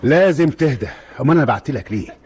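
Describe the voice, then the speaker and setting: An Egyptian actor playing a police officer who speaks firmly and tries to calm people down. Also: male voice, mid-range voice, rapid-fire, lightly acted. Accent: Egyptian Arabic. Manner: firm, calming. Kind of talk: film drama acting.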